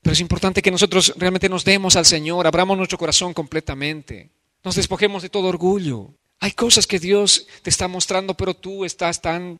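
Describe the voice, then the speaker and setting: A male pastor preaches in with a bright, forceful voice that sits a little high for a man. He swings between quiet, intimate passages and loud, fervent pleading. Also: no echo. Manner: impassioned, shifting from soft to loud. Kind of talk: sermon.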